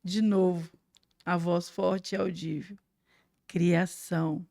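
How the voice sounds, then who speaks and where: A woman with a Brazilian Portuguese accent, a guest sharing an emotional personal testimony with vivid storytelling, swinging between hushed and loud. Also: medium pitch, a little slow, dry recording, studio quality.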